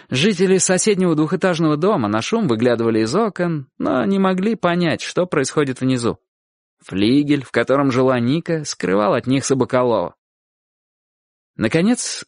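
A man narrating a storybook in a lively, expressive reading voice. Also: medium pitch, dry recording, studio quality.

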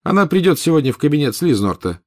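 A man's voice: a little high, sing-song, fast, a little mellow, pitched above the performer's own voice. A man reading an audiobook, voicing an impatient, incredulous teenage boy wizard. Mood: placating.

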